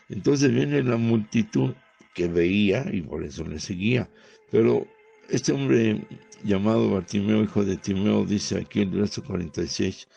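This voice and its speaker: A man with a Mexican Spanish accent delivers a sermon in a low voice with a gravelly edge. He talks in a steady, measured way. He raises his voice sharply when he cries out the pleas he quotes. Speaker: preacher.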